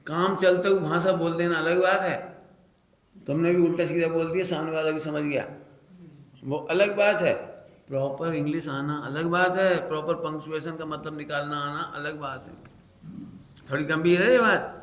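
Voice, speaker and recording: Lively preacher man in an echoey hall. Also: fairly high pitch, moderate pace. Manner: playful teacher, acts out examples, sings short lines. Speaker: Jain preacher. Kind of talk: teaching discourse to a congregation.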